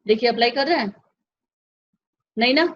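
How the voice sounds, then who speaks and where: A woman's voice: on the high side, moderate pace, dull audio. A woman teaching a computer class, patiently walking through each step and checking that the class follows. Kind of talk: step-by-step software lesson.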